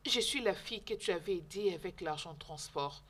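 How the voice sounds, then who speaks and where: A woman's voice: fairly low pitch, lively intonation, a little fast, a little hiss or hum, close to an everyday voice. An actress playing a kind young woman teacher who talks earnestly and coaxingly in a dubbed film. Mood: friendly.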